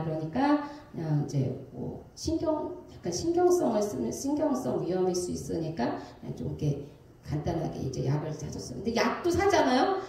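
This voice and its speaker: A pastor's wife in her thirties giving an animated testimony sermon, acting out the voices in her story. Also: medium pitch, a little hiss or hum. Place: church sanctuary. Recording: very echoey church from a distance.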